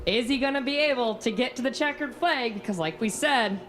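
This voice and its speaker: A woman's voice: a little high, fairly quick, fairly bright tone. A woman co-commentating live on a race in a conversational sports broadcast style. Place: broadcast booth at a racetrack. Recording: background noise at outdoor race.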